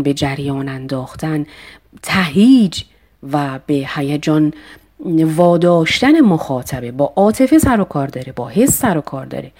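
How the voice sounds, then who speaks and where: A woman teaching a poetry recitation lesson, reading verses slowly and expressively, then explaining them with polite, formal address. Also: deep voice, a little mellow.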